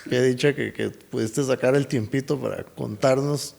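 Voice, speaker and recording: Young male host, gravelly, friendly, halting delivery. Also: mid-range voice, fairly even intonation, a little mellow. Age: 20s. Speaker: podcast host. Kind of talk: casual interview.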